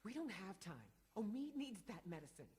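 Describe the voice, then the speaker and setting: A woman's voice: medium pitch, very animated, moderate pace, mellow, in a large hall, lightly acted. A woman playing a determined, blunt survivor in a video game, speaking with insistence. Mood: urgent.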